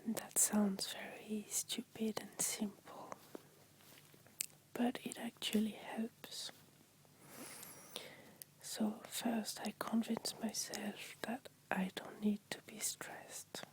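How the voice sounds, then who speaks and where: A woman with a French accent in whispered ASMR talk, gently explaining things in simple words. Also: medium pitch, little pitch movement, takes it slowly, pauses often, poor audio.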